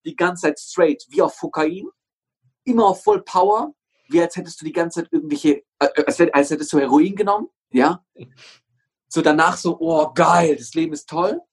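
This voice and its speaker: Husky, emphatic man coaching hard. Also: fairly high pitch, moderate pace. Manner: emphatic, swears often, hammers phrases through repetition. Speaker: interview guest, motivational coach. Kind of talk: energetic motivational talk.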